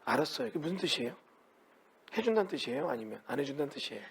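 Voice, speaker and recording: A man's voice: fairly high pitch, sing-song, very fast, gravelly, slight background noise. A man teaching a real estate law class, asking his students many rhetorical questions. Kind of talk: lecture to students.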